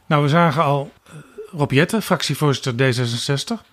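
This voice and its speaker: Measured male podcast co-host. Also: on the high side, fairly bright tone. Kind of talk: political analysis chat.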